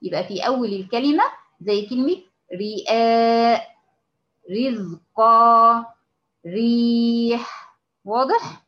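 A woman teacher with an Egyptian Arabic accent giving a patient lesson, often checking that her students follow and drawing out example words slowly. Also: fairly high pitch, lively intonation, muffled recording. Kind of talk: online lesson to female students.

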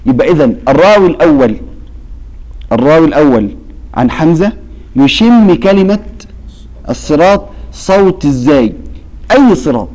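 Egyptian sheikh teaching a recitation class, somewhat high voice, prompts students for missing words, stretches out quoted verses. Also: male voice, expressive, darkish tone, low-quality recording. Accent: Egyptian Arabic. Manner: quizzes students with fill-in-the-blank questions; slow, drawn-out recitation of verses. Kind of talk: classroom lesson.

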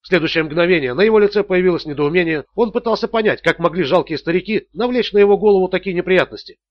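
A man narrating a thriller audiobook in a steady, measured way. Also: high-pitched, dry recording, dull audio.

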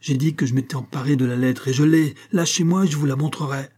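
A man's voice: medium pitch, steady tone, fast, dark tone, husky, pitched above the performer's own voice, natural voice. A man voicing a sly, servile village simpleton who murmurs insinuating questions.

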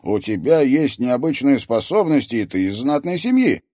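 A man voicing an eager, tactless teenage boy who keeps pressing with excited questions. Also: mid-range voice, normal speed, no echo, clean studio sound, voice pushed up.

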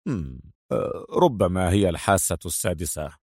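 A man reading as a stern secret agent hero, pitched well below the narration, low and measured. The agent in this audiobook sounds controlled and firm. The dry, close recording leaves no room sound. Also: no room sound. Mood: calm. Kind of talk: audiobook character voice.

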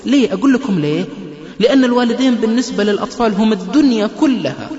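A man delivers a religious lecture in a fairly high voice, lively as he acts out the people in his stories. The sound rings with the long echo of a large hall. The recording is muffled and lo-fi. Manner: lively storyteller who acts out quoted people. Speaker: lecturer on family life.

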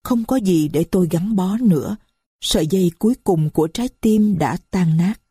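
A woman narrating a story in the first person with a slow, grave, sorrowful reading. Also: lowish voice, dark tone, husky, no echo, clean studio sound. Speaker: audiobook narrator.

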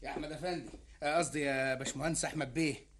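A deferential office clerk in an Egyptian radio play, played by an actor. His words are formal and rushed, spoken from a distance. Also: fairly high pitch, fairly even intonation, fairly bright tone, a little hiss or hum, lightly acted.

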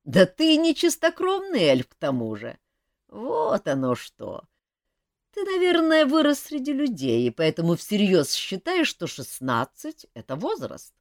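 A woman's voice: mid-range voice, a little slow, dry recording, studio quality, voice pushed up. Woman voicing a teasing male elf. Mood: amused. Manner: kindly, lively, chiding.

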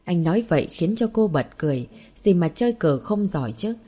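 A woman narrating a romance story as an audiobook in an even storytelling manner. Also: fairly low pitch, fairly quick.

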